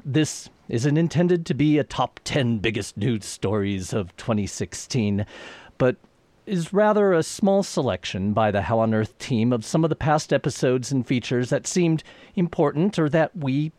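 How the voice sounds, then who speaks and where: A man's voice: medium pitch, lively intonation, normal speed, a little mellow, no room sound. A man hosting a science radio show, reading a scripted introduction.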